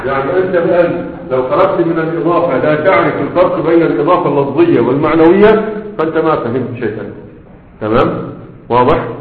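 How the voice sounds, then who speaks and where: Fast-talking man lecturing in an echoey hall. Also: on the high side. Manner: explains with repeated rhetorical questions to students. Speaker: grammar teacher. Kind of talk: classroom lecture. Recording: echoey hall, phone-like lo-fi sound.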